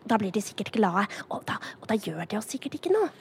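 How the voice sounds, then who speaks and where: A woman's voice: mid-range voice, sing-song, gravelly, breathy edge, exaggerated voice. A woman voicing a sweet, naive young male animal in a children's audio play, earnest and hesitant. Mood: timid.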